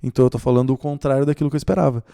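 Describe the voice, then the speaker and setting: Gravelly-voiced man teaching. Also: mid-range voice, racing. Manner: lively and explanatory, with rhetorical questions and stressed key words. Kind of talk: exam-prep video lesson.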